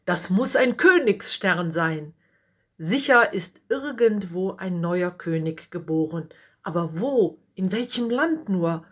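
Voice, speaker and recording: Woman doing excited wise men, eager, a bit higher voice, storybook. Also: slow pace, slightly rough, heavily acted. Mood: awed. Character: group of wise male stargazers, eager.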